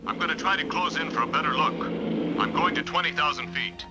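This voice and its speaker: An actor playing a composed fighter pilot flight leader, talking over an aircraft radio in clipped call-and-response phrases, in a dramatized reenactment. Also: male voice, fairly high pitch, brisk, over loud music. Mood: tense. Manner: clipped radio procedure speech. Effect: heard over an aircraft radio.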